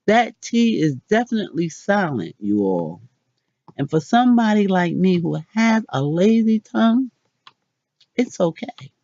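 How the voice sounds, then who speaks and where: A woman hosting a casual pronunciation lesson, chatty and self-deprecating, repeating words slowly. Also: medium pitch, very animated, dark tone, dry recording, muffled recording. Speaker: channel host.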